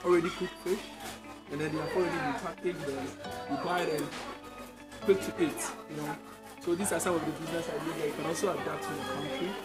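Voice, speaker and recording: Young man vlogging over loud music. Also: fairly high pitch, fairly even intonation, a little fast, a loud crowd. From Ghana. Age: young adult. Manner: chatty, addresses viewers directly, frequent restarts. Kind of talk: casual vlog walkthrough. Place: large indoor supermarket. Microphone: handheld phone camera, walking.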